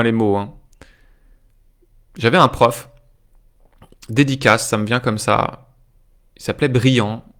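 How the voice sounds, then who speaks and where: A man giving a live-streamed motivational talk as a life coach, talking spontaneously with frequent hesitations and asides to viewers, slowing down to stress key phrases. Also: mid-range voice, fairly bright tone.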